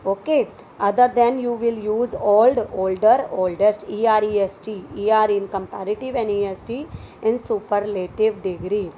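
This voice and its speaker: A woman's voice: medium pitch, steady tone, drawn-out words, dark tone, a little hiss or hum, rough recording. A woman teaching an English grammar lesson in an Indian English accent, explaining step by step and checking in with her students.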